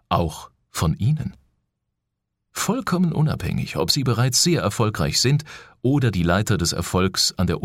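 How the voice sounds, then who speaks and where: A man's voice: sits low, no room sound, studio quality. A man giving a persuasive, instructive, scripted narration of a self-help audiobook.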